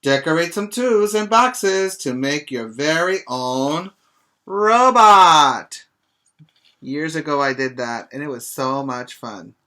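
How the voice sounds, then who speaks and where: A middle-aged preschool teacher reads a children's book aloud, slowly explaining it to young kids and stopping to check in with questions. His voice is on the high side, expressive, pushed, and bright.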